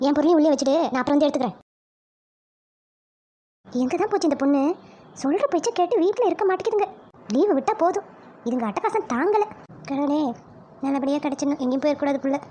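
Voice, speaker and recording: A woman voicing a calm, bossy village neighbour in a cartoon family drama, brisk and soothing. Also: sits high, slight background noise. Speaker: cartoon voice actor.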